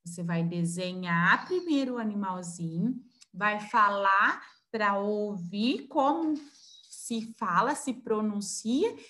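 A woman's voice: mid-range voice, lively intonation, slow pace, bright, forceful tone. A Brazilian woman teaching young children, sounding out words syllable by syllable and stretching each sound. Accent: Brazilian Portuguese. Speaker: preschool teacher. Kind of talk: recorded online lesson for young children.

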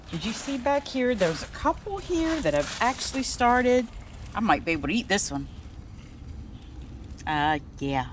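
Showing off her home garden, an older female vlogger with an American accent talks casually to camera in a fenced backyard, her tone playful and self-deprecating at a medium pitch. She holds the camera at arm's length, and the outdoor noise is clearly audible.

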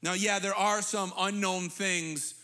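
A man in his thirties, a pastor preaching a sermon on a church stage into a handheld mic, animated and conversational. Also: high voice, slow pace. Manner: animated, gesturing while preaching; conversational, repeats words when restarting. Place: church stage with big screen.

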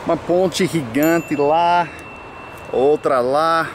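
Here the young adult man from the United States speaks very slowly, his voice on the high side, chatting casually and loosely with many fillers. A native English speaker who vlogs and teaches English, he films in a sunny park using a camera mic at arm's length, with traffic audible outdoors.

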